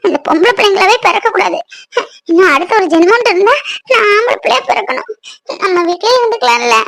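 A stubborn young wife in a cartoon, sobbing and pleading in a very high voice, as a woman acts her out. The sound is dry and close, with no room around it. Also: fairly quick, fairly bright tone, no room sound. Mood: tearful.

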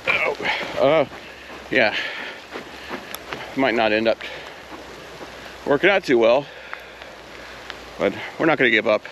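A man's voice: mid-range voice, takes it slowly, pauses often, lo-fi sound, background noise. Easygoing man vlogging on a snowy trail. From Ohio. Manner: easygoing, self-deprecating, frequent "uh" fillers. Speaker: outdoor vlogger. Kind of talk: casual hiking vlog.

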